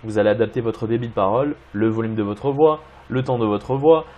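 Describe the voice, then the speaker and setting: A man's voice: on the low side, brisk, lo-fi sound. A man coaching job seekers, explaining tips with frequent fillers. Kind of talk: instructional video talk.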